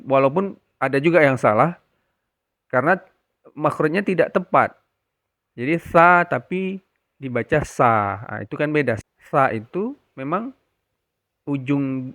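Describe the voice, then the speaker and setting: Guy teaching recitation real slow, patient, dry close sound. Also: no room sound. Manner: patient, repeats syllables, chants drills high and loud. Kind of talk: slow spoken lesson.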